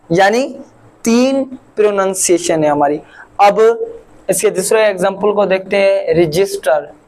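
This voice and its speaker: A man from Pakistan teaching a language lesson, patiently repeating each word slowly syllable by syllable. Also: high voice, darkish tone, rough recording. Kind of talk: classroom-style language lesson.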